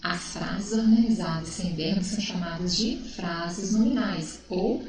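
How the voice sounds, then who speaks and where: A woman's voice: lowish voice, measured pace, darkish tone, recorded from a distance. A woman from Brazil teaching a recorded school lesson, asking questions and answering them herself. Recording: echoey room, voice from away from the mic.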